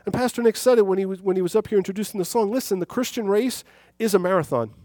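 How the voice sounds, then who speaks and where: A man's voice: high-pitched, fast talker, warm tone, no echo, clean studio sound. A man preaching an evening church sermon in a wound-up, over-caffeinated manner, emphatic and given to repeating his phrases. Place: church, speaking to congregation.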